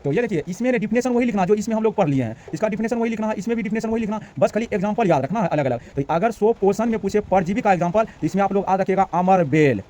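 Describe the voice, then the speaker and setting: A man's voice: sits high, lively intonation, dark tone. A young man teaching a lesson casually, repeating points, asking and answering his own questions. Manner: reads English very slowly and haltingly. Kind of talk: casual Hindi lecture with slow English read-aloud.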